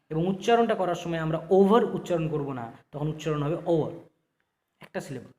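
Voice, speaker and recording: A man's voice: a little high, a little mellow, in a large hall. A male teacher explains a poem line by line. He often asks a question and then answers it himself, and he repeats words as he goes. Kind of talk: classroom poetry explanation.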